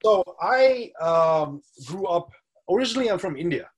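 Husky-voiced man telling his story. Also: high voice, moderate pace. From Dubai. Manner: animated storyteller, laughs often. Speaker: podcast guest. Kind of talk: casual interview chat.

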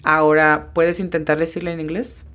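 A woman with a notably low voice leads a bilingual language lesson. She explains each sound patiently and slows right down when spelling letters out. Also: level tone, a bit bright. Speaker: English teacher hosting a lesson podcast.

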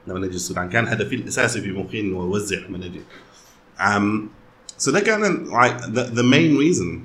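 A man's voice: on the low side, expressive, quick pace, a bit bright, a little hiss or hum. A man with a Sudanese Arabic accent in casual conversation, switching often between Arabic and English. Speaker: company founder.

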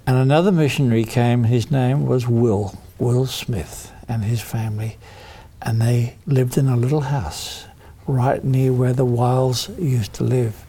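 Male children's storyteller, husky and mellow, slow dramatic emphasis on key words. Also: medium pitch, fairly even intonation.

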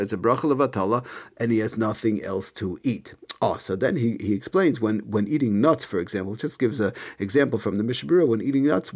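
A man giving an informal religious lesson, explaining a text and often rephrasing his points as a teacher. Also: mid-range voice.

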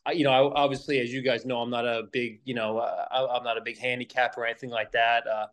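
A man's voice: medium pitch, little pitch movement, fast talker, a bit bright. A man from Long Island with a New York accent, a podcast guest chatting casually in a rambling, self-deprecating way.

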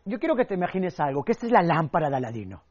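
A young man teaching public speaking, energetic and emphatic, telling stories and acting out what people said. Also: fairly high pitch, rapid-fire, husky, lo-fi sound. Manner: energetic, emphatic, acts out quotes and sound effects. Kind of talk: motivational speaking lesson with stories.

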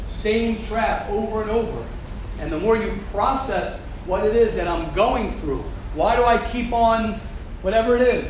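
A middle-aged man with a high voice teaches a class as a rabbi, working through rhetorical questions and repeating his points. The room is echoey and a faint hiss sits behind him. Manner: repetitive, rhetorical questions, Yiddish-Hebrew terms. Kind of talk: Torah class talk. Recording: echoey room with background noise.

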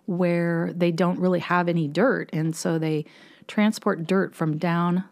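A woman's voice: lowish voice, flat delivery, measured pace, darkish tone. A middle-aged woman co-hosting a podcast, chatting casually and explaining things at length. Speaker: podcast co-host. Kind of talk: casual chat.

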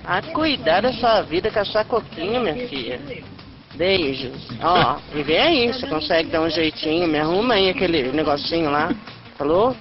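A woman's voice: on the low side, expressive, moderate pace, dull audio. A woman leaving a sassy, scolding voice message for a radio show. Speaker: caller.

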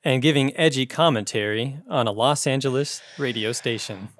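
A man hosting a trivia segment on a podcast, reading questions and explaining answers in a measured way. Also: medium pitch, fairly bright tone, no echo, studio quality. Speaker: quiz host. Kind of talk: casual chat, reading quiz questions.

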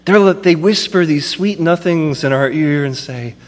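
A man's voice: on the high side, normal speed, long reverb tail. A man preaching a sermon as pastor, with impassioned delivery that builds to emphatic peaks.

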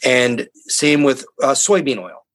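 A man's voice: mid-range voice, animated, slow, a bit bright, poor audio. A man, a university scientist, speaking as a guest in an interview, explaining things in an earnest, plain-spoken way. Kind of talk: conversational interview.

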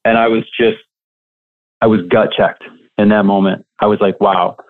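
A man's voice: fairly low pitch, little pitch movement, normal speed. A man who coaches staffing businesses, telling a candid, reflective story in an interview. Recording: tinny phone-like line.

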